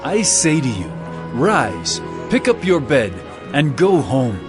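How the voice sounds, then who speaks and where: A man's voice: mid-range voice, very animated, takes it slowly, music in the background. A man playing Jesus as an authoritative, earnest teacher in a dramatized scripture recording, speaking in a declamatory, emphatic way. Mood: commanding. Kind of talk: dramatized scripture audio acting.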